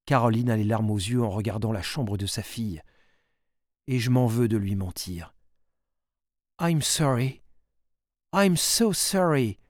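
A narrator with a French accent telling a story slowly and deliberately, with dramatic pauses. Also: medium pitch, a little mellow, no echo, clean studio sound.

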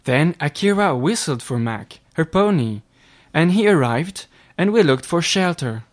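A man doing an earnest young boy, high and loud. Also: animated, measured pace.

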